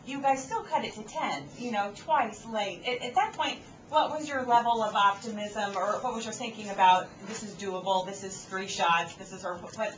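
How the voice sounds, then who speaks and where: A woman's voice: medium pitch, moderate pace, hardly any pauses. A woman, a reporter, asking a long question at a press conference, with fillers. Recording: muffled, far off, echoey, hissy.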